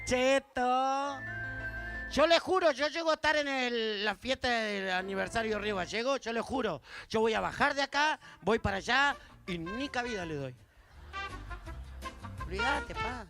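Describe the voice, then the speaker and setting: Argentine man, crude stage banter, high-pitched, gravelly, outdoor concert with music behind. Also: a little slow. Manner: crude, teasing, shouted asides. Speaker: stage entertainer. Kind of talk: live stage banter and jokes. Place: outdoor winter festival stage. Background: music and crowd.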